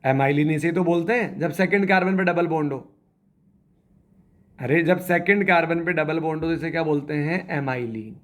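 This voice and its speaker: A man's voice: fairly high pitch, moderate pace, fairly bright tone. A man teaching a chemistry class, quizzing the students and repeating their answers as he spells out structures step by step. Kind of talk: classroom lecture.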